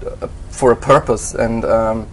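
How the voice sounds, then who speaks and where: Speaking unhurriedly in a low-ish voice with fairly even intonation, this Swiss man answers interview questions hesitantly, stumbling over fillers and restarts. He's a graphic designer appearing as a guest, and the recording is poor with slight background noise.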